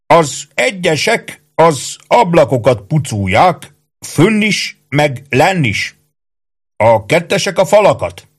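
A man's voice: a little high, big pitch swings, breathy edge, pitched above the performer's own voice. A man voicing a bossy, suspicious army sergeant who bellows orders in rustic, slurred speech. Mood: commanding.

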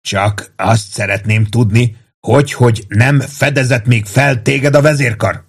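A man voicing a touchy male army sergeant who keeps shouting in a raised, indignant voice. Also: fairly low pitch, husky. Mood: shouting angrily.

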